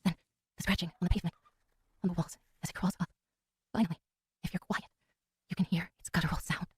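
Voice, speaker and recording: A woman's voice: fairly low pitch, little pitch movement, fast, breathy edge, no echo, clean studio sound. A woman voicing a theatrical puppet character who tells a spooky tale in a haunted, eerie manner for a storybook record. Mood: haunted, ominous.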